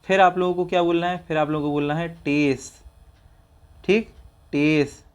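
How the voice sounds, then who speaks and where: A man's voice: on the high side, fairly even intonation, normal speed, clean tone. A man teaching the recitation of a Sanskrit verse, breaking each word into syllables and repeating it patiently for listeners to say along. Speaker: teacher of a Jain scripture. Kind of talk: slow syllable-by-syllable recitation lesson.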